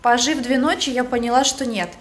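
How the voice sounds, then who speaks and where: Holding her phone camera at arm's length, a young travel agency vlogger tours a hotel room and then the outdoor resort grounds. Her voice is a little high with a steady tone, and she talks a bit fast, chatting casually with lots of fillers and self-corrections.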